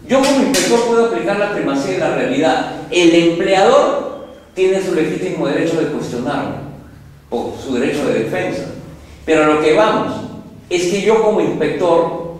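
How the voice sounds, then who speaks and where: A man from Peru teaching a law class, emphatic and animated, often checking that students follow. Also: a little high, normal speed. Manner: emphatic, animated, asks listeners if they follow. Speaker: law lecturer. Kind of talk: classroom lecture. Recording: very echoey classroom, voice far from mic, faint noise.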